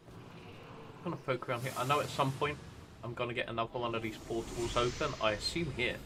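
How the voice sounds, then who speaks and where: A man's voice: medium pitch, steady tone, a little fast, background noise. A man streaming a fantasy game, thinking aloud in casual, rambling commentary and chatting to viewers.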